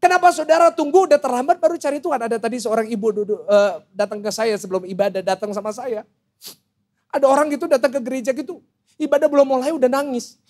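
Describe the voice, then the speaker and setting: Speaking fast in a very high voice, this middle-aged Indonesian-accented pastor delivers a lively sermon in a church hall. Between points he jokes and questions the congregation.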